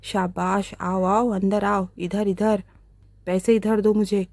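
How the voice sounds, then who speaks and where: A woman's voice: medium pitch, little pitch movement, slow, creaky, darkish tone, dry recording, pitched below the performer's own voice. A woman voicing a threatening male kidnapper who barks short orders. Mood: bossy. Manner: bossy, threatening. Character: gruff male kidnapper with a gun.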